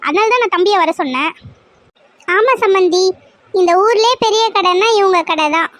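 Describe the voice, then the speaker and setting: A woman's voice: very high-pitched, moderate pace, a bit bright, no room sound. A woman voicing a boastful, fussy middle-aged aunt arranging a wedding in a cartoon serial.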